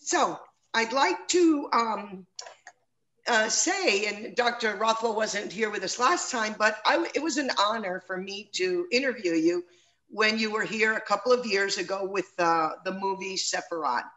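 A woman's voice: mid-range voice, unhurried, a bit bright, rough recording. A middle-aged woman moderating an interview over a video call from a room at home, speaking in an earnest and personal way.

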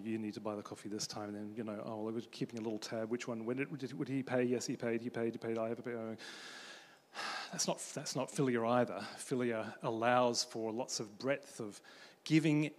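An Australian man gives a conference talk on faith and friendship, telling stories in an animated way while pacing a large stage with a handheld mic. His voice is medium-pitched and a little fast, and the recording carries a long hall reverb.

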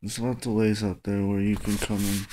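A man talking to his phone camera at home in a rambling, mumbling casual monologue, halting with fillers. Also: lowish voice, flat delivery, warm tone, a little hiss or hum. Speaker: vlogger. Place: at home indoors. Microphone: phone camera close up.

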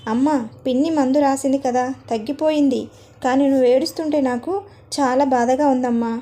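Sweet little boy worried about his mom, woman doing it, high mellow voice. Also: fairly even intonation, fairly quick. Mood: earnest.

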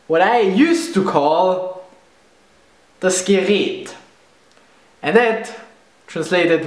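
Filmed at close range on camera in an indoor room, a German vlogger in his twenties jokes at his own expense while casually answering questions. His voice sits on the high side, and the room sounds echoey.

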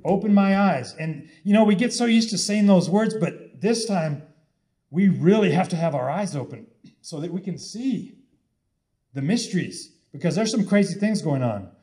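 A man preaches with urgency and repeats his key points over and over. His voice sits a little high, but its tone is warm and mellow. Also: lively intonation, normal speed. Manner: urgent, repetitive exhortation. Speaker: online preacher. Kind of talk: impassioned sermon-style talk.

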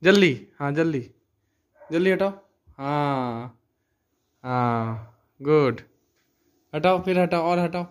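A man's voice: fairly high pitch, slow, long pauses, smooth. Teasing, coaxing man. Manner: coaxing, teasing, repeats himself. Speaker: vlogger filming his wife. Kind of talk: casual family vlog chat. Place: home at night.

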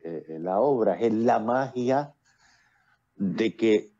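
Fairly low in pitch, animated yet slow, and mellow in tone, his voice comes through dull audio. The speaker is a Puerto Rican playwright and actor in his fifties, a guest in a casual video-call interview who talks at length in a Puerto Rican accent with plenty of fillers and restarts, speaking through earphones with a built-in mic.

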